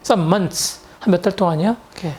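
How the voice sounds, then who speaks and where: A woman's voice: on the low side, normal speed, darkish tone, slight background noise. A woman from Korea, an English tutor, telling chatty anecdotes to viewers and mixing in English words. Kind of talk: storytelling lecture to viewers.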